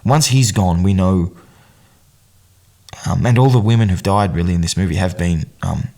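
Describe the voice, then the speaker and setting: Casting note: male podcast host, lowish voice, loose rambling film chat full of ums and restarts. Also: gravelly, warm tone. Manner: rambling, many fillers and restarts, quick bursts of amused emphasis. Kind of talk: casual film commentary.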